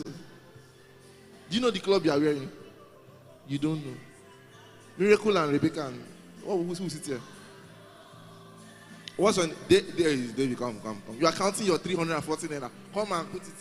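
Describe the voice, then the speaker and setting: A man's voice: on the high side, animated, a little fast, pauses often, soft background music. A man hosting a live youth event in a large hall, coaxing and calling out to the crowd. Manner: coaxing, calls out to the crowd, repeats himself.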